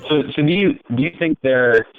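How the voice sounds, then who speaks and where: A man calling in over the phone to a live show, asking questions in a halting, hesitant way. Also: on the high side. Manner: halting, hesitant, many restarts. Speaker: caller. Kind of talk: casual call-in chat. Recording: tinny phone line with faint hiss.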